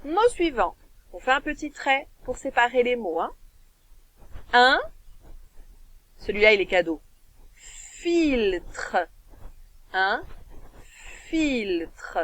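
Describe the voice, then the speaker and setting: A woman with a French accent, teaching a recorded dictation lesson to children, dictating slowly and splitting words into syllables. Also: on the high side, a bit bright, low-quality recording. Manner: slow, clear dictation, stretching words and syllables. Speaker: primary school teacher.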